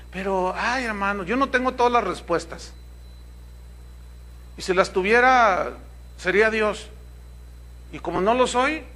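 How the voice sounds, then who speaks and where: A man's voice: high-pitched, bright, forceful tone. A man, preaching a sermon in a conversational, humorous way and asking the crowd rhetorical questions. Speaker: pastor.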